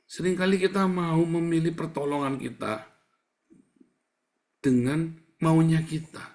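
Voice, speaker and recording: A man's voice: fairly high pitch, fairly even intonation, unhurried, darkish tone. A man preaching a sermon in a conversational, emphatic way, repeating words for stress.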